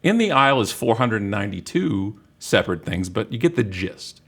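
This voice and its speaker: Brief: fifty-something male podcast host, gravelly, animated storyteller. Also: lowish voice, normal speed. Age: 50s. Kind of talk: casual chat.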